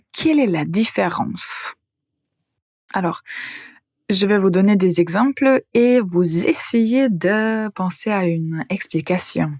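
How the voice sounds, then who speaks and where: A woman hosting a language-lesson podcast, speaking slowly and repeating each example sentence for learners. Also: mid-range voice, darkish tone, dry recording, studio quality. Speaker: language teacher and podcast host. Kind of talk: slow, careful French lesson podcast.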